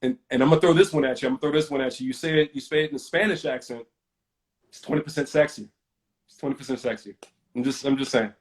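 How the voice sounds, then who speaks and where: A man's voice: mid-range voice, fast. A man hosting a casual live video chat, talking loosely with many fillers and restarts, and reading out viewer comments. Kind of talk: casual conversation.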